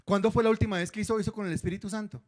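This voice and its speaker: A man's voice: sits high, fairly even intonation, very fast. A man preaching a sermon as pastor, acting out prayers and dialogues and quizzing his congregation.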